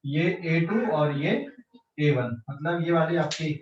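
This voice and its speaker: Echoey Indian physics teacher, high voice. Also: male voice, steady tone, takes it slowly, slight background noise. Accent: Hindi-English mixed speech, central Indian. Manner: explains step by step, checks often if students follow. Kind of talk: online class lecture. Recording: echoey distant lo-fi online class.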